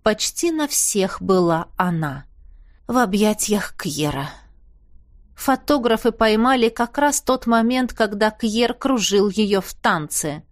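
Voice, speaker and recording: A woman narrating an audiobook in a measured, even scripted reading. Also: mid-range voice, no echo, studio quality.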